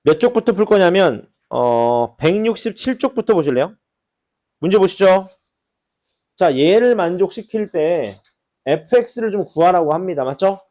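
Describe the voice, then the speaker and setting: A man's voice: sits high, expressive, moderate pace, mellow. A man teaching a math class at the board, who keeps checking in with rhetorical questions and repeats key words for emphasis. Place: classroom at a whiteboard.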